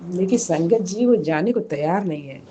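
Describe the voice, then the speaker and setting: A hoarse woman giving an emotional personal testimony, speaking slowly and softly in a pleading way. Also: on the low side, lively intonation. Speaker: devotee sharing a testimony.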